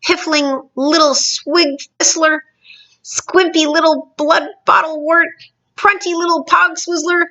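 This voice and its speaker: Lady putting on a loud mean giant guy, shouting high and harsh, dull lo-fi sound. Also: moderate pace. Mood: bullying. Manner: shouting insults, booming. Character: fifty-foot male giant, bullying and hungry.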